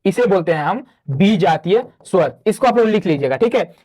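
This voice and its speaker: Male teacher, high voice, online grammar lecture, quizzes the class and answers himself, chatty asides. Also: expressive, a little mellow. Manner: explains step by step, asks the class questions and answers them himself; drawn-out spoken demonstrations of vowel sounds. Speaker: Hindi teacher. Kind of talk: online exam-prep lecture.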